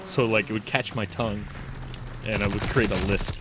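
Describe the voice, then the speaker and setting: A man giving casual, jokey commentary while streaming a game, breaking into quick exclamations. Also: on the low side, steady tone, over music. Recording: game gunfire under the voice. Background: game gunfire and explosions.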